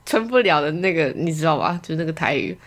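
A woman's voice: low voice, lively intonation, quick pace. A young woman, co-hosting a podcast in casual chat, wry and self-mocking. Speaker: podcast co-host.

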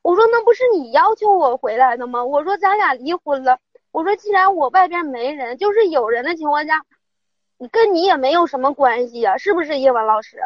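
A woman's voice: high voice, lively intonation, fairly quick, dry recording, highs cut off. A middle-aged woman, calling in to an advice show and telling her story in a rambling, upset way. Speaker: caller. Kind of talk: phone-in advice call.

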